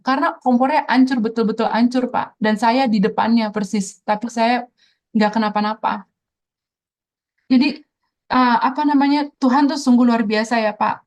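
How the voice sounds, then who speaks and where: A middle-aged woman giving an earnest personal testimony in an interview, telling her story to the host and often addressing him directly. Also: on the high side.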